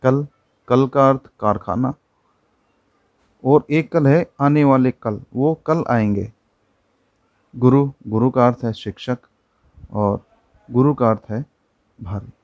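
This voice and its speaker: A man's voice: mid-range voice, takes it slowly, pauses often, a little mellow, no echo. A man teaching a primary-school Hindi lesson, patiently explaining words with examples.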